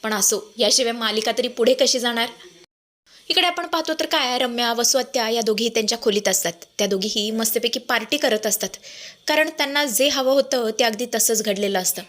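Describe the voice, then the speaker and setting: A woman's voice: on the high side, brisk, fairly bright tone. A woman casually retelling a TV serial episode to her viewers in a chatty way. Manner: chatty, addresses viewers directly. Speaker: TV serial reviewer.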